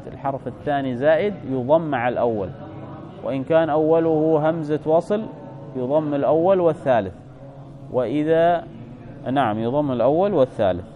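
A man teaching grammar, reading out a text and then explaining it line by line, often checking that the listener follows. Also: a little high. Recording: dull lo-fi recording.

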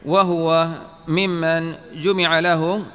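Man, religious teacher, explains word vowels carefully, fairly high voice, hall echo. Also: flat delivery, very slow, a bit bright. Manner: spells out word vowels carefully, reads quotes then explains. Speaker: Islamic teacher. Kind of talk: religious lesson explaining a text. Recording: long hall reverb.

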